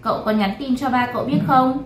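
A woman's voice: high-pitched, fairly even intonation, fast, roomy sound, recorded from a distance, a little hiss or hum, pitched above the performer's own voice, close to an everyday voice, poor audio. A woman voicing a cheerful teenage schoolgirl friend in a read-aloud story, eager and chatty.

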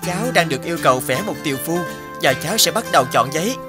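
In a cartoon dub, an actor voices a proud young male painter who is polite yet boastful and self-satisfied. The delivery is fast, expressive and natural at a medium pitch, with music behind the voice.

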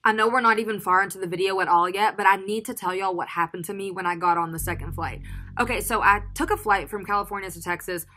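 A woman's voice: medium pitch, steady tone, fast talker, sharp tone. A young woman hosting a vlog and telling a story in a chatty, dramatic way with lots of filler words, with music behind her. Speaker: vlog host.

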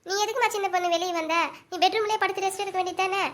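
A woman's voice: extremely high pitch, fairly even intonation, very fast. A woman playing a fussy village mother-in-law in a comedy skit, scolding and fussing over her daughter-in-law.

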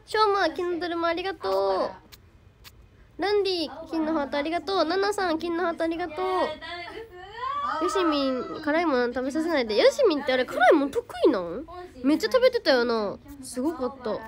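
A woman's voice: very high-pitched, lively intonation, fairly quick, crowd noise. A teenage girl from Hyogo with a Kansai accent, chatting casually on a livestream, reading out viewer comments and thanking fans by name. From Hyogo, Japan. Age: teens. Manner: bubbly, thanks viewers by name, refers to herself by name. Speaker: idol livestreamer.

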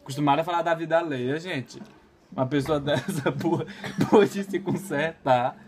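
A man's voice: a little high, moderate pace, background noise. A man teasing and haggling playfully in bantering home-video talk.

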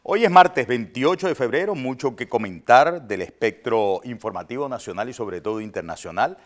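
A man's voice: medium pitch, normal speed. A man hosting a morning news talk show, commenting emphatically and stacking words for effect. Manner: animated, emphatic, piles up words.

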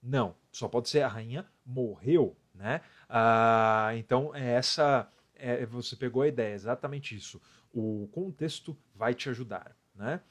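A man's voice: medium pitch, measured pace, hardly any pauses. A man with a Brazilian Portuguese accent teaching an English lesson live, talking with his viewers in a chatty way and reading their comments aloud. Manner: chatty, often ends phrases with "né?", lively emphasis on examples.

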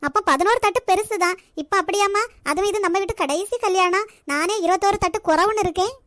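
A woman's voice: extremely high pitch, quick pace, fairly bright tone, no echo, clean studio sound. A woman voicing an affectionate elderly grandmother in a cartoon, bossy and doting as she runs the family. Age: older. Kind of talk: cartoon voice acting.

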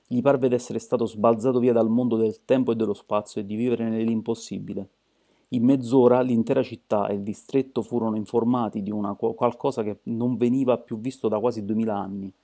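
A man reading an amateur audiobook in a steady, measured way. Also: mid-range voice. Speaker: audiobook narrator.

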